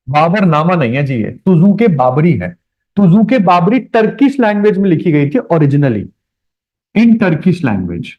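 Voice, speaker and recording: Male history teacher, slightly high voice, chatty classroom delivery, muffled lo-fi sound. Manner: conversational, addresses students directly, repeats key points. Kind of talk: classroom lecture. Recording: dull lo-fi recording.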